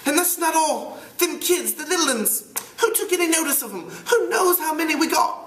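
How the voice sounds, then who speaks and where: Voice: sits high, expressive, moderate pace, a bit bright, a little hiss or hum, pitched above the performer's own voice. A reader voicing a fussy, indignant schoolboy with glasses who scolds and pleads, recorded in a roomy space away from the mic. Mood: scolding. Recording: roomy sound, distant mic.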